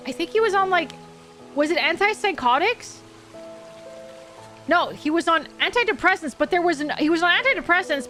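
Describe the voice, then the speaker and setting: High, bright-voiced woman streaming games. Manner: chatty, expressive, informal. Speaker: horror game streamer. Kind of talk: casual live game-stream commentary.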